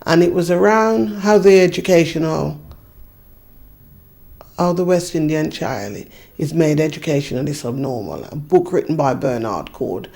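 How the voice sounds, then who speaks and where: Gravelly-voiced woman reminiscing. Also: low voice, moderate pace, dark tone. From Jamaica. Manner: earnest, thoughtful, frequent restarts and "you know". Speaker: community activist. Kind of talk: reflective interview recollection.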